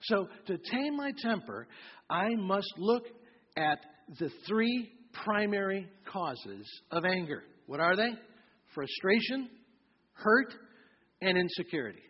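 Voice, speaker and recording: Husky pastor preaching in a big hall. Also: male voice, high-pitched. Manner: conversational preaching with acted-out examples. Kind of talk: sermon. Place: church auditorium. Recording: dull sound in a large reverberant hall.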